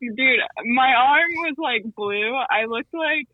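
A woman's voice: sits high, slow, narrow, tinny audio. A woman calling in to a podcast, telling a story casually and with animation, swearing and acting out what other people said. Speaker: caller.

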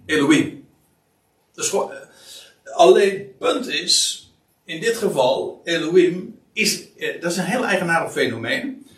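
A man teaches from scripture in an unhurried, hesitant way, his pitch rising and falling widely. He is heard from a distance in a roomy, echoing space. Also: lively intonation. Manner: hesitant, many fillers and restarts. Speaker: Bible teacher. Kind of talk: explanatory Bible study talk. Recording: echoey room, distant mic.

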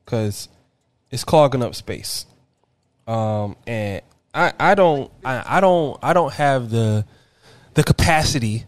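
A man hosting a podcast, telling a personal story in a casual monologue. He speaks bluntly, curses often and acts out both sides of his phone calls in his own voice. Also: no room sound. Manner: animated, swings between loud and low, quotes people in his own voice; blunt and profane, lots of fillers. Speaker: podcast host.

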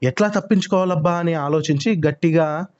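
Expressive male children's storyteller. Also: fairly high pitch, a little fast. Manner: expressive, lively sound words. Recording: muffled lo-fi recording.

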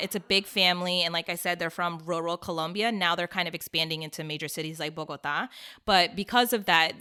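Casual storyteller: a bright-toned American woman, animated, laughing, acting out quotes. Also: fairly low pitch, clean tone. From United States. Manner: animated, laughs often, acts out voices.

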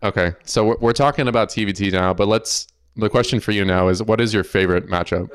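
A man hosting a podcast, relaxed and curious, asking follow-up questions. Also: lowish voice, fast talker, clean tone, no room sound, clean studio sound. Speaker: podcast host. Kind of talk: casual interview chat.

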